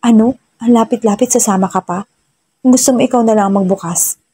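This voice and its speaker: A woman's voice: a little high, a little fast, mellow, voice pushed up. A woman voicing a grumpy young husband. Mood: annoyed. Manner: irritated, gruff. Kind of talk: storybook narration.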